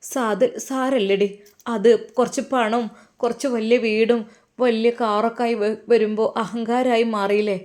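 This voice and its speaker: A woman voicing a grieving elderly mother who speaks softly and tearfully, with a Malabar Malayalam accent. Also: a little high, fairly even intonation, unhurried, lightly acted. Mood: resigned. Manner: soft, tearful and pleading.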